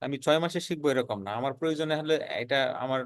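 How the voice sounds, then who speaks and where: Brief: young freelancer, earnest and quick, recorded dry and close. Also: male voice, fairly high pitch, no echo. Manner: earnest, repeats words while building a point. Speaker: freelancer guest. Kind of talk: casual conversational storytelling.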